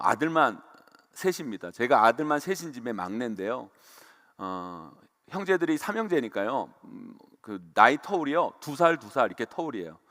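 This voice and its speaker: A man's voice: mid-range voice, a bit bright. A middle-aged male pastor giving a sermon, often turning to the congregation as he tells a story from his own childhood. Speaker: senior pastor. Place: church sanctuary. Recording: long hall reverb in a church.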